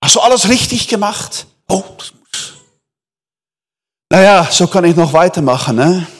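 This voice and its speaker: A man preaching with a lively, swooping voice that sits a little higher than most men's. He jumps from loud, emphatic questions to hushed, almost whispered asides. He tells stories to his listeners as a sermon. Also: a little fast. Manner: animated, swings between loud emphasis and near-whispers.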